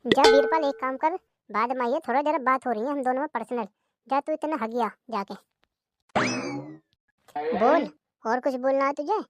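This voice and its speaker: A woman's voice: high voice, normal speed, pauses often, natural voice. A woman doing a lazy, rude cartoon husband. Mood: irritated. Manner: mocking, rude insults. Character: lazy, insulting young husband, sleepy and rude. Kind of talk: cartoon comedy voice-over.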